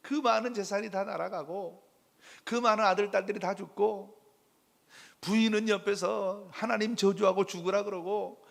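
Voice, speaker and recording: Gravelly pastor preaching with lively storytelling. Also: male voice, sits high. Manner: colloquial, dramatic storytelling preaching. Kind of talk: sermon.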